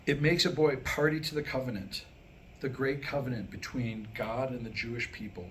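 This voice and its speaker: Performing a self-written comic monologue for a small live crowd, a man sounds wryly professorial and poses rhetorical questions. His mid-range voice is a bit bright, and the poor audio has slight background noise.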